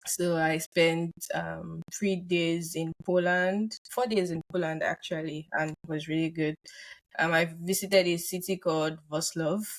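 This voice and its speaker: A woman co-hosting a podcast in casual chat, relaxed and often laughing. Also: on the low side, unhurried. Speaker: podcast co-host. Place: based in London.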